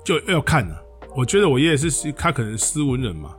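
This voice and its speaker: A middle-aged man co-hosting a podcast, chatting casually and rambling, with lots of quick repeated agreement. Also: medium pitch, sing-song, faint music behind. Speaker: podcast co-host. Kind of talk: casual chat.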